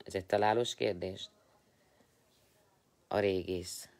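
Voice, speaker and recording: Low-pitched, tired man hosting a live stream, chatty and teasing with viewers. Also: fairly even intonation, vocal fry, darkish tone. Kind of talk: casual live-stream chat, greeting and answering viewers.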